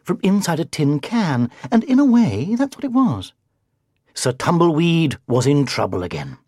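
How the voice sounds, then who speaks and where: Husky, lively storybook narrator. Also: medium pitch, moderate pace, dry recording, studio quality. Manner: expressive, shifting to whispers for effect.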